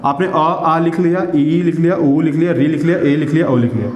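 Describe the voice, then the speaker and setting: Man, teacher, fairly high voice, patient repetition of each sound, echoey room, long reverb. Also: darkish tone, highs cut off, a little hiss or hum. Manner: repeats sounds slowly and checks in with "ठीक है". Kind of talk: classroom lesson.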